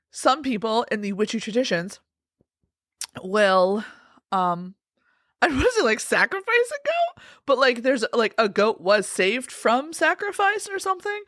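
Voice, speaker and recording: A woman co-hosting a podcast in casual chat, talkative and swearing freely, often breaking into loud laughter. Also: fairly high pitch, big pitch swings, measured pace, dry recording, clean studio sound. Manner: chatty, swears freely, laughs loudly at her own jokes. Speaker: podcast co-host.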